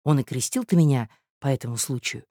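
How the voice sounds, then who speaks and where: A reader playing a flustered young nobleman in a storybook reading, stumbling and pleading in slow, hesitant phrases. His voice sits a little low and dry, close to the mic, with filler sounds between his words. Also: dark tone, no echo, natural voice. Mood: anxious, pleading.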